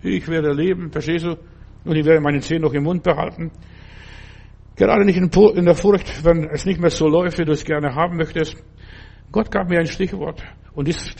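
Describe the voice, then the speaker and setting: An older man preaching a sermon, repeating his exhortations earnestly and dropping at times to a soft, slow, reassuring tone. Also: a little high, gravelly, slightly rough.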